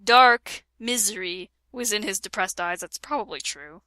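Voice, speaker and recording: A young woman reads a parody fanfic aloud as a comedic dramatic reading, mock-dramatic and giggly, bursting into laughter mid-sentence and interrupting herself with asides. Her medium-pitched voice is sharp, at a moderate pace, with no echo.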